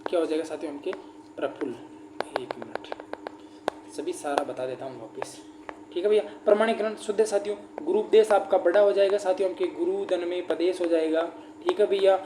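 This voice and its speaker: A man's voice: sits high, steady tone, fairly quick. A male teacher leading an exam-prep grammar class, repeating rhetorical questions and calling his listeners friends. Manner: repetitive, keeps asking the class rhetorical questions; addresses listeners as friends and brother. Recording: roomy echo, faint background noise.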